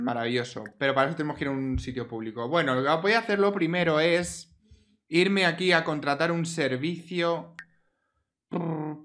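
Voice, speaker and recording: A man commentating a life-simulation game, expressive and exclaiming, often scolding the characters. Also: mid-range voice. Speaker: gaming YouTuber. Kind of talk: Sims let's play commentary.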